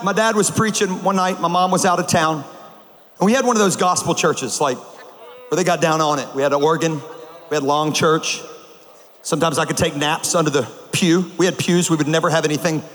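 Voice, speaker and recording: Guy preaching a funny sermon to a big crowd, pretty high voice, loud bursts, long echo in the hall. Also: slight background noise. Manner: animated storytelling with bursts of shouting. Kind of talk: comedic sermon to a large crowd. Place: large auditorium with a live audience. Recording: long hall reverb, faint ambience.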